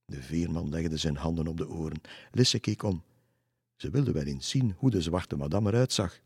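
Guy reading a kids story, deep husky voice, dry close sound. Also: animated, moderate pace, darkish tone, no echo. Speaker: narrator.

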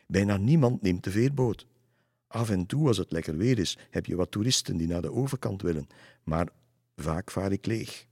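Man reading as a gruff, chatty ferryman. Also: low voice, animated, normal speed, darkish tone, no room sound, studio quality, exaggerated voice. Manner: chatty, storytelling. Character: lonely middle-aged ferryman, gruff but friendly. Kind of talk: storybook reading.

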